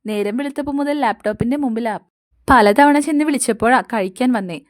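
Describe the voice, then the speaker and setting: A woman's voice: fairly high pitch, brisk, no echo, clean studio sound, natural voice. A woman reading a chatty young housewife. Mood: cheerful. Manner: homely, chatty.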